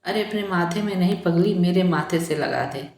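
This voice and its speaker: A woman's voice: on the low side, moderate pace, a little mellow, close to an everyday voice. Woman doing a feverish dying girl in an audiobook, weak pleading voice, echoey room. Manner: weak, pleading, turns frightened and delirious.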